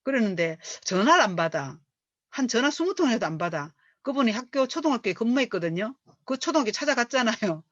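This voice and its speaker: A middle-aged woman reads from a business book and coaches on it. She is a lively storyteller who acts out the lines she quotes. Her voice comes through a dull, dry, lo-fi recording. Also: a little high, fast talker, no echo. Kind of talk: reading aloud and lecturing on a book.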